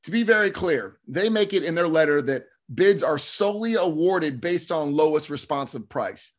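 A middle-aged man with a slight lisp and slushy s sounds, presenting testimony in a halting, frank, self-correcting way on a video call. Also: on the high side, animated. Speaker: state legislator presenting a bill. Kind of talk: committee testimony, semi-formal explanation.

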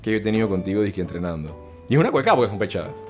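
A man's voice: fairly low pitch, sing-song, racing, soft background music. A young man with a Panamanian Spanish accent, a podcast host and fitness coach telling stories in casual, slangy chat and laughing often.

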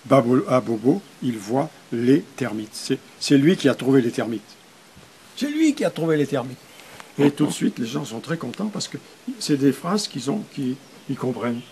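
A man's voice: mid-range voice, expressive, normal speed, darkish tone, a little hiss or hum, poor audio. An older man, a priest, explaining his method for teaching adults to read, patiently sounding out syllables one by one.

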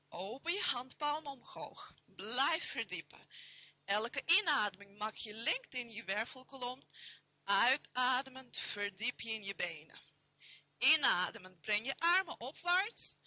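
Calm bright-voiced Dutch yoga teacher. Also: female voice, high voice, no echo. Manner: calm, steady cues paced to the breath. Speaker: yoga instructor. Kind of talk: guided yoga class instruction.

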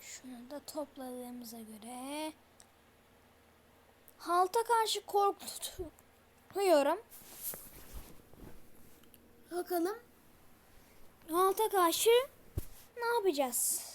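A young-sounding gamer giving nervous horror game commentary, stammering and muttering prayers to calm down. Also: extremely high pitch, drawn-out words, pauses often. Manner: mutters prayers when scared. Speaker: gameplay streamer.

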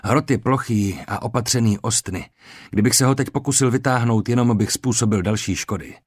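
A male narrator voicing a calm, methodical Roman army surgeon in an audiobook, speaking in a steady, instructive, lowered tone. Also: husky, no echo, close to an everyday voice. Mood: measured. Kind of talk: audiobook character reading.

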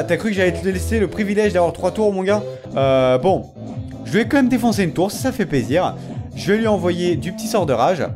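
A man with a high, very lively voice narrates his own mobile game matches live, rattling off excited commentary. He groans, swears and shouts at the game as he plays. Faint music runs underneath. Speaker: gamer streaming a mobile game tournament.

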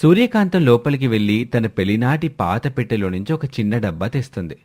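Male narrator, scripted storybook reading, even delivery. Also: mid-range voice, fairly quick.

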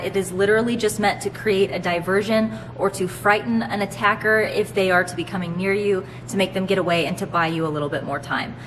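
A woman's voice: mid-range voice, fairly bright tone. A woman in her thirties giving an explanatory, conversational product demonstration to camera as host. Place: large open warehouse, indoors. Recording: clear background noise, warehouse ambience.

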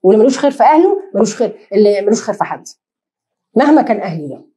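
A woman with an Egyptian accent giving an animated lecture, asking rhetorical questions and acting out short exchanges. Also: medium pitch, echoey room. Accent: Egyptian Arabic. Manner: animated, asks rhetorical questions and answers them herself; acts out short dialogues in quick asides. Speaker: lecturer giving marriage advice. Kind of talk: lively lecture to an audience.

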